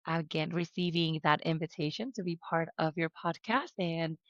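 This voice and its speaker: A young woman from Mexico, a guest on a podcast, earnestly tells her life story in an interview conversation, posing questions to herself along the way. Her low-sitting voice moves at normal speed, and the recording is dry with no room sound, slightly dull and lo-fi.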